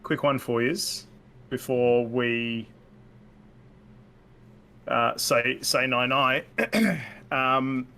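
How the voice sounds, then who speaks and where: A man with an Australian accent hosting a casual podcast chat, laid-back and quick to laugh. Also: medium pitch, steady tone, pushed and bright. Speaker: podcast host.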